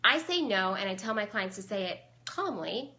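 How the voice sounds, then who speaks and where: A young adult woman with a bright, forward voice, talking through her training methods in a loose, chatty way. She explains things step by step, with plenty of ums along the way, as she answers viewers live. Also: medium pitch, sing-song, moderate pace. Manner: chatty, explanatory, many fillers. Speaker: dog trainer.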